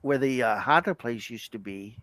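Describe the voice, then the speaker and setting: A man's voice: medium pitch, normal speed, a bit bright. A man in casual banter who teases his friend and laughs often.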